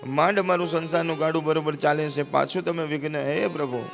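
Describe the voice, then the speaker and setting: A man's voice: a little high, fairly even intonation, brisk, creaky. A man with a Gujarati accent telling a devotional story in a sermon, acting out the characters' cries and pleas. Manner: acts out characters' cries and pleas with rising intensity. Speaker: spiritual storyteller. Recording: long hall reverb with faint sitar music.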